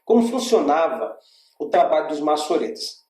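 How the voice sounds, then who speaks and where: A man's voice: on the high side, sing-song, moderate pace, a little mellow, reverberant. A man with a Brazilian Portuguese accent teaching an online class on biblical Hebrew, explaining step by step and checking in with his students. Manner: explanatory, checks in with frequent "tá?" and "gente". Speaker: Bible language teacher. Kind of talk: online lecture with slides.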